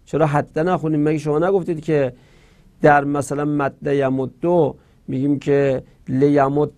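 Male teacher, grammar lecture, slightly high voice, slow rhythmic recitation, rhetorical questions. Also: little pitch movement, darkish tone.

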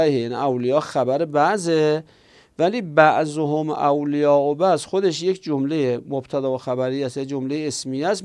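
A man's voice: on the high side, a little mellow, no room sound, clean studio sound. A man teaching a grammar lesson, explaining step by step and answering his own questions. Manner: explains step by step, slows on the quoted examples. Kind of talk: classroom grammar lecture.

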